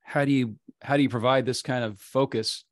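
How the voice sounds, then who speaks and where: A man's voice: mid-range voice, fairly even intonation, brisk, dry recording, studio quality. A man moderating a virtual panel, introducing guests and asking direct questions.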